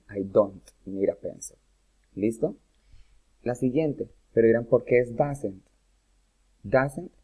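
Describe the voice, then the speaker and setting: A male teacher giving a recorded grammar lesson to students, patient and explanatory, pausing often to check that they follow. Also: mid-range voice, dark tone. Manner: patient, checks in with "¿listo?" after each point. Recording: phone-like narrow audio.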